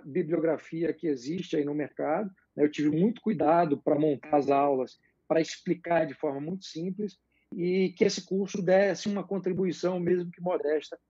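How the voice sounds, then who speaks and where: As a guest in a live interview, a man explains political ideas in a measured, hesitant way with many fillers. His voice is high and warm with a breathy edge, and the sound is lo-fi with no echo.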